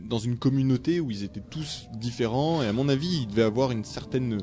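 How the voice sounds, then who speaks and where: A man's voice: medium pitch, a little fast, warm tone, soft background music. Casual musing male co-host. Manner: casual, musing, stammering restarts. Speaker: radio co-host. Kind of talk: radio chat show.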